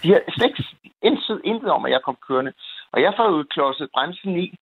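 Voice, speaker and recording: A man calling in to a radio show, telling a story in an animated, swearing way. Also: fairly high pitch, creaky, breathy edge, no echo. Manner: animated, swearing storyteller, gets loud when retelling shouting. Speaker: caller. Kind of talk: phone-in storytelling. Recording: tinny phone line.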